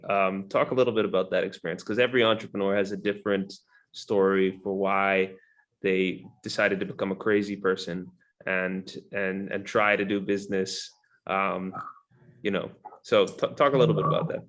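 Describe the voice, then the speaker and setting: A man's voice: low voice, flat delivery, moderate pace, a bit bright. A man hosting an interview, asking long, rambling questions full of "um" and "you know" in a friendly, chatty way. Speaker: interview host. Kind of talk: casual interview chat.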